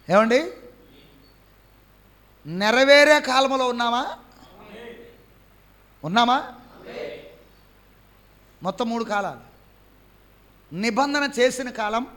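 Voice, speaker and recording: A man preaching a sermon, quizzing the congregation and stretching key phrases slowly and loudly. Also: extremely high pitch.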